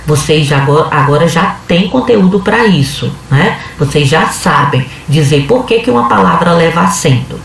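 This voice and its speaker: A woman's voice: low-pitched, expressive, normal speed, vocal fry, few pauses, a little hiss or hum. Casting: woman teacher, patient step-by-step explainer, heard from a distance in a very echoey room. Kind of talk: video lesson.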